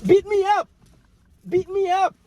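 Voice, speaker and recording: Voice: very high voice, flat delivery, measured pace, noisy background. A performer in a comedy skit playing a strict, exasperated Haitian father with a Haitian accent, scolding and repeating words insistently.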